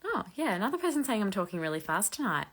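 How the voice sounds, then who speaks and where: An Australian woman in her thirties hosts a casual live chat, answering viewer questions. She's very animated and fast-talking with a medium pitch, chatty, laughing lightly and using "like" a lot.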